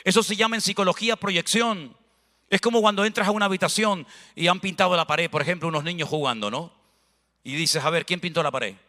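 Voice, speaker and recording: Bright-voiced pastor preaching in a hall. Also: male voice, sits high, brisk. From Spain. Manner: lively preaching with anecdotes. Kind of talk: sermon. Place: church. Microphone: handheld microphone.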